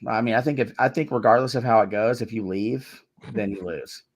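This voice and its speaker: A man's voice: on the low side, a little fast. A man talking through a voice changer on a computer mic, chatting casually and telling stories with animation as a guest on a live stream. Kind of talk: casual chat. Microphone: computer mic on a call.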